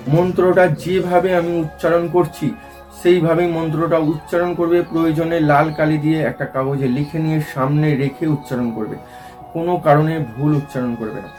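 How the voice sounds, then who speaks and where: Brief: male spiritual advice host, slightly high voice, stern and lecturing, faint music bed. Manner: lecturing, scolding tone with warnings; chants mantra slowly and loudly. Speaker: tantric advice channel host. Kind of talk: direct-to-camera spiritual advice monologue.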